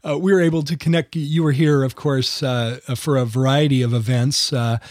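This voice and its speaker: A man's voice: mid-range voice, fairly even intonation, a little fast, darkish tone, no echo, clean studio sound. Rambling American man hosting a show. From United States. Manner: rambling, many filler words and restarts. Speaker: podcast host. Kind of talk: casual interview chat.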